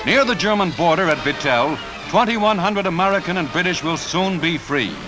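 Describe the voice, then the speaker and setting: 1940s newsreel narrator, man, high-ish lively voice, punchy and wry, music bed behind. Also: moderate pace, low-quality recording. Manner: punchy announcer delivery with wry quips. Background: music score.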